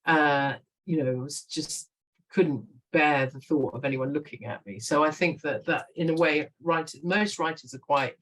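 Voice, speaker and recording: Guest voice: middle-aged woman, chatty writer, quick to laugh, animated. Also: sits low, rough recording. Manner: lively, laughs often, animated storytelling. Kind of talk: conversational interview.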